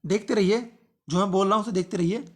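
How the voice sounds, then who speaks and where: Guy with a high voice doing a grammar lesson, repeats himself a lot, slows down for the examples. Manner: explanatory, repeats phrases, slows down to read out example sentences. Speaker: teacher. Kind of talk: exam-prep grammar lesson.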